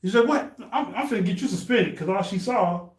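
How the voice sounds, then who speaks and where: A man co-hosting a podcast, telling stories in a lively, slangy casual chat. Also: high voice, brisk, roomy sound, noisy background. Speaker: podcast co-host.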